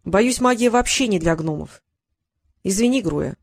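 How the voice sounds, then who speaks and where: A woman's voice: mid-range voice, animated, a little slow. A woman voicing a clever, determined boy apprentice who speaks firmly and coaxingly in an audiobook. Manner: firm, coaxing. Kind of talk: audiobook narration.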